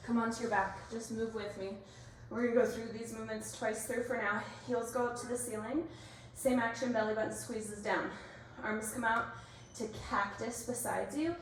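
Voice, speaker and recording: A woman leading an exercise class as instructor, giving brisk, directive cues and counts in short imperative phrases. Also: a little high, fairly even intonation. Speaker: workout instructor. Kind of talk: exercise class coaching, cueing moves and counts. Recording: echoey room, distant mic, faint noise.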